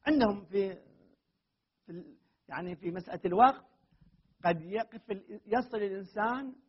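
A man with a high, husky voice lectures on grammar, repeating his points and leaning hard on key words. The recording is dull and lo-fi. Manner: explains slowly with repeated phrases, rises to emphatic stresses. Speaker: teacher of Arabic grammar and Quran readings. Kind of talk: classroom lecture.

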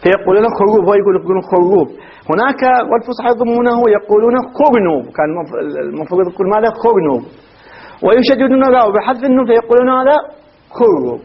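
A man's voice: high-pitched, rapid-fire, husky. A man teaching a seminary text lesson, drawing words out, repeating them and asking the class questions he answers himself. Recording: dull lo-fi recording.

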